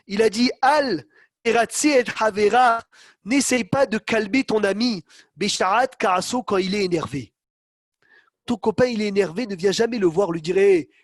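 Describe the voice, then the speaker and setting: A man with a high voice teaches a Torah class on a video call, animated, acting out quotes and calling on students by name. The sound is very dry and close. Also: dry recording. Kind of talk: online Torah lesson.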